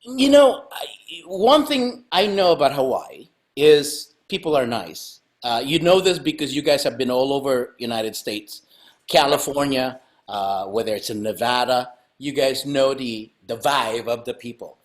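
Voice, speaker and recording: Animated, joking man hosting a video call. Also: medium pitch, a little slow. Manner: animated, joking, laughs often. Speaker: podcast host. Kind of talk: casual video-call interview. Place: home room indoors. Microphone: video call webcam.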